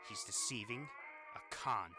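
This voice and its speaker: Over old phonograph music, a man with a lowish voice voices a weary, irritable, sardonic demon hotel resident in a fan-made animation monologue. At a measured pace and only lightly acted, he grumbles in an exasperated, dry, disdainful tone with sighing asides.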